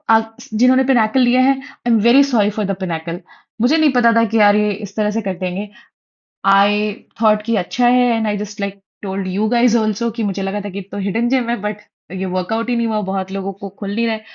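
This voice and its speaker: A young woman giving casual exam study advice, chatty and mixing English phrases into her Hindi. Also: medium pitch. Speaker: exam prep tutor. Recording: dull lo-fi audio.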